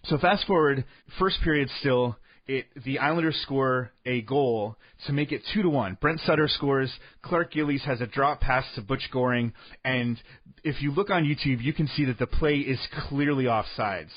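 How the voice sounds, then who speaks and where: A man telling a comic sports story in a deadpan way, full of absurd made-up details, rambling and restarting his sentences. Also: mid-range voice, moderate pace, no echo, lo-fi sound. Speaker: comedic storyteller.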